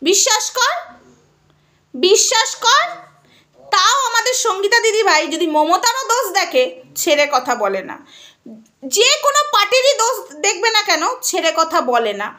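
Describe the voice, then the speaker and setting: Woman, very high voice, bright and sharp, taunting, scolding vlog. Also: very animated, normal speed, long pauses. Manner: scolding, taunting, rhetorical questions. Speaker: social media vlogger. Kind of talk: angry callout vlog addressed to a rival.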